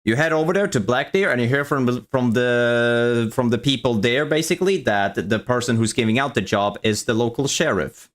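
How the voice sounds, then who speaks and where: A man's voice: medium pitch, moderate pace, hardly any pauses. A man running a tabletop game as dungeon master, narrating the scene in a rambling way, restarting his sentences and swearing casually on a voice call. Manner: rambling, profane, restarts often while narrating.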